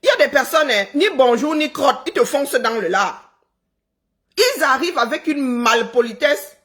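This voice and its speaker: This Cameroonian woman, a social media commentator, lectures her live-stream audience in a sarcastic, reproachful monologue. Her high-pitched voice is expressive and fairly bright, moving at a moderate pace, and she calls it unpleasant herself.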